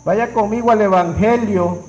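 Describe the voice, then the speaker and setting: A man preaches a sermon at a moderate pace, his darkish voice recorded with the highs cut off and slight background noise. He dramatically acts out dialogue with sudden pitch swings, speaking straight to the congregation and calling on them to repeat after him.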